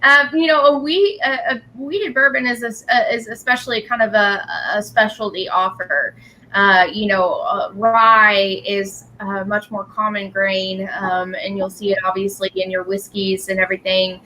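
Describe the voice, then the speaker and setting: A woman's voice: mid-range voice, steady tone, normal speed, pushed and bright, rough recording. A woman talking casually and explaining things as a company representative at a tasting. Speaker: distillery representative. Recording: clear background noise.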